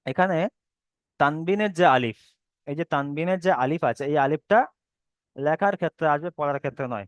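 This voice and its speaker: A man explains a Quran reading lesson step by step, repeating every point with patience. His voice sits a little high and sounds smooth and clear. The recording is dry and close, with no room sound. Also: no room sound, dull audio. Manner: patient, repetitive explaining, drawn-out sounds when demonstrating letters. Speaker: Quran recitation teacher.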